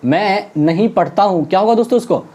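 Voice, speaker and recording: A teacher with a mellow, dark-toned voice works through a lesson, calling the viewers friends again and again. Each question is posed to the class and then answered at once. Example sentences in English are drawn out slowly, one word at a time, and said more than once. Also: medium pitch, lively intonation.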